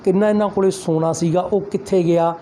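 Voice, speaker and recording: Male reporter, mellow dark tone, halting delivery, light noise behind. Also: sits high, fairly even intonation. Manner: hesitant, many fillers and restarts. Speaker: news reporter. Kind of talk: news interview with commentary.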